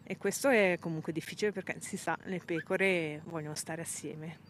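A woman explaining sheepdog work in a calm, patient way, interviewed outdoors. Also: lowish voice, moderate pace, a little hiss or hum. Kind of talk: interview answers. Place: outdoors in a field.

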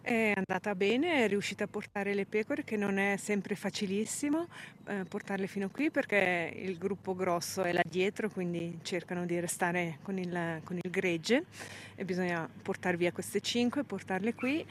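A woman explaining sheepdog work in a calm, patient way, interviewed outdoors. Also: mid-range voice, moderate pace, slight background noise. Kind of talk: interview answers. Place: outdoors in a field.

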